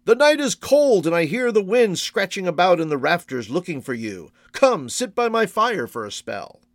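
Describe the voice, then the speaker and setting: A man's voice: a little high, big pitch swings, moderate pace, no echo, studio quality, pitched above the performer's own voice. A man voicing a beaming little old male toy maker, cheerful and coaxing, in a storybook reading. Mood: welcoming.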